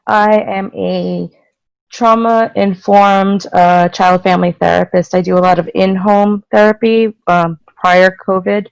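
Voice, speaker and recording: A woman from New Jersey, a social worker, introducing herself slowly on a video call. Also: mid-range voice, fairly even intonation, vocal fry, smooth, dry recording, poor audio. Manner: slow, searching for words.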